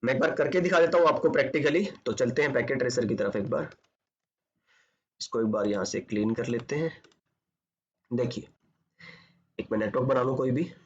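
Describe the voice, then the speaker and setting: A man's voice: mid-range voice, moderate pace, long pauses, slightly rough, lo-fi sound. A man teaching networking, walking through a screen demo and answering his own questions as he goes. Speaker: networking instructor. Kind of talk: screen-recorded tutorial walkthrough.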